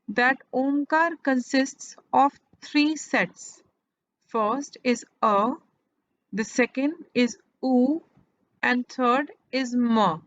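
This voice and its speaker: A woman, reading and retelling a religious scripture in a measured devotional narration with deliberate pauses. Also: high-pitched, fairly bright tone, no room sound, highs cut off. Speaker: scripture reader.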